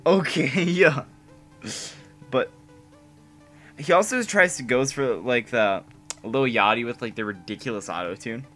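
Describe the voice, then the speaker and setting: A man co-hosting a casual live podcast, talking in loose, rambling stretches full of filler words. His voice has a bright, forward edge at an ordinary middle pitch. Faint music plays underneath. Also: measured pace, long pauses. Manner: rambling, filler-heavy, easygoing. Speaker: podcast co-host.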